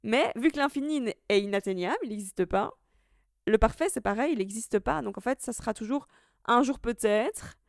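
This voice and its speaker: A woman's voice: fairly high pitch, animated, moderate pace, dry recording, clean studio sound. A woman in her twenties, from Italy, hosting a solo podcast and musing in a chatty, reflective way with casual slang. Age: 20s. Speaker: podcast host.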